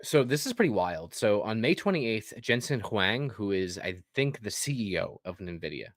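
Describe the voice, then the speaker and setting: Low-voiced sardonic man podcasting. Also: sing-song, moderate pace, no room sound, clean studio sound. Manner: profane, sardonic, reads script loosely. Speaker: podcast co-host. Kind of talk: casual gaming podcast chat.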